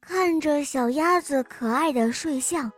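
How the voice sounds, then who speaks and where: A woman narrating a children's picture book, gentle and expressive, talking to young listeners. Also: high-pitched, a little slow, soft background music. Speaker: children's storyteller. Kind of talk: storybook narration.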